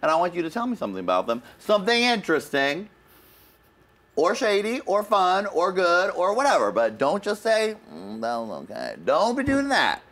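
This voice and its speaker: A man's voice: sits high, wildly swooping pitch, moderate pace, a bit bright. A man hosting a comedic talk show, teasing and interviewing his guest with frequent laughs. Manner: playful, teasing, laughs often.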